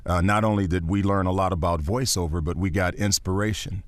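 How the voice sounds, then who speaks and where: Here a male baritone, who works as both a voiceover actor and a teacher, guests on a podcast, keeping a steady tone while urging listeners on earnestly and emphatically. He talks fairly quickly, and there's no echo.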